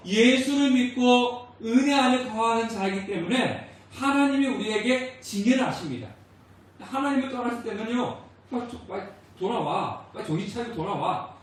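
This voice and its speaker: A pastor preaching a sermon, asking the congregation questions and answering them himself, with short quoted lines spoken out in a raised voice. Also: male voice, very high voice, lively intonation, a little fast. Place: church sanctuary. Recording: very echoey church hall, voice from far off.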